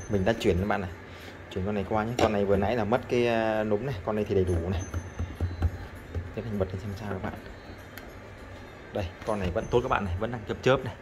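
A man's voice: fairly low pitch, noisy background. A man vlogging as he tests scrap electronics, chatting to viewers and repeating himself often. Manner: chatty, addresses viewers constantly, repeats phrases. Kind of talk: casual hands-on demonstration.

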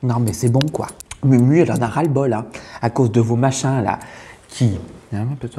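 With a slightly mellow, natural, medium-pitched voice and a touch of hiss or hum in the audio, a man plays the taste-tester in a comic sketch. He voices a brash, crude, middle-aged female farmer from the countryside with a Burgundian accent.

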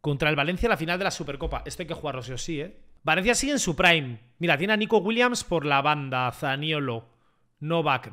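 A young man with a Spain Spanish accent commentating his own gameplay live to chat, excitable and crude, often shouting at the game. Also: fairly high pitch. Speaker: gaming streamer.

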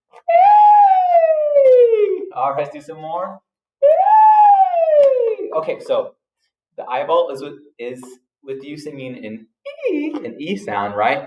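A man teaching a vocal warm-up to children, giving patient instructions between high sung woo and E sweeps. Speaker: music teacher. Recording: roomy echo, mic a little distant.

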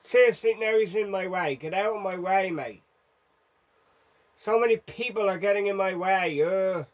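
A man's voice: sits high, normal speed. A man giving frantic, self-mocking commentary as he plays a driving game. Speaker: gaming video host. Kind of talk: live gameplay commentary.

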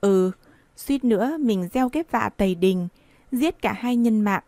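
A woman's voice: on the high side, expressive, unhurried, mellow, no room sound. A woman reading the part of an evasive young man who soothes his lover, in a coaxing, reassuring tone. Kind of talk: audiobook dialogue reading.

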